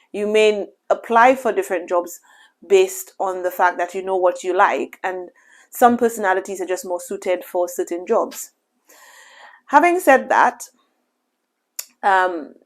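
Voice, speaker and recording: A woman from Lucia, a doctor, offers measured, reassuring career advice in a casual vlog. She speaks at a medium pitch and often says "you know."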